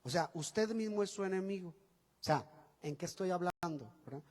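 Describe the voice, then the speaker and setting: A man preaching a sermon as pastor, animated and folksy, acting out quotes with chatty asides to the congregation. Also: high voice, normal speed. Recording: long hall reverb.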